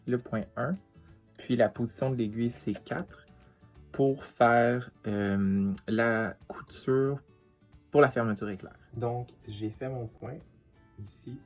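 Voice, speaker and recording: A man's voice: mid-range voice, slow pace, soft background music. A man with a Quebec French accent giving a casual hands-on tutorial, thinking aloud hesitantly as he works. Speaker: sewing tutorial host.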